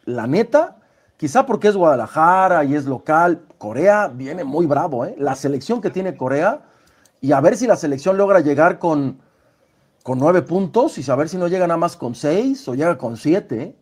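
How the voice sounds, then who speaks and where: A man's voice: a little high, big pitch swings, normal speed, breathy edge. A man with a Mexican accent giving emphatic, opinionated sports analysis on a live show. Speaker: sports pundit.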